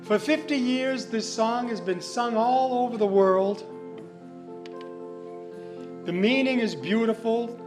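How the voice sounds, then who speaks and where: A man's voice: very high voice, takes it slowly, pauses often. A man working as a sing-along entertainer, with jokey, folksy patter between songs as he chats with his audience, live music behind him. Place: live venue hall. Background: live instrumental music.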